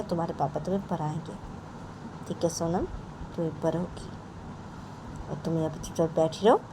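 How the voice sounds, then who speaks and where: A woman's voice: sits low, noisy background, natural voice. A woman voicing a strict mother who scolds and orders her child to study. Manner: scolding, bossy, repetitive.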